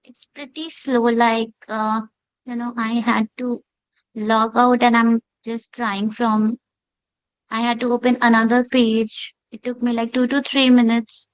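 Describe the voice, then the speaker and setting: A woman's voice: on the high side, flat delivery, unhurried, low-quality recording. A woman from India attending a webinar on a video call, talking casually with many fillers. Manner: chatty, uses "like" as filler.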